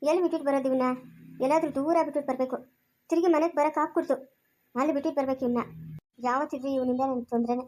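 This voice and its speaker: A woman's voice: high-pitched, steady tone, rapid-fire, pauses often, a little mellow, natural voice. A woman playing a scheming character who mutters plans to get rid of a boy, in a family drama. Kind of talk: amateur family drama acting.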